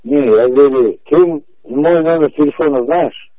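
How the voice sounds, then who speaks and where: A man in his forties arguing over the phone, calmly insistent and repeating himself to drive each point home. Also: fairly high pitch, normal speed, no echo. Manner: insistent, repetitive, calmly emphatic. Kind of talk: heated phone conversation. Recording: muffled phone-call audio.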